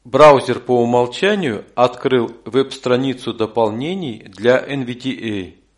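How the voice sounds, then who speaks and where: Measured male tutorial narrator, medium pitch. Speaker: audio course instructor. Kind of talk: scripted instructional narration.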